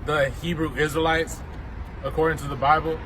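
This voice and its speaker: A man teaches scripture on a city street and keeps checking in with "right?" after each point. His voice sits a little high. Traffic noise runs steadily behind him. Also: level tone, brisk. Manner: repetitive, keeps asking "right?". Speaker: street preacher. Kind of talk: street preaching, Bible teaching.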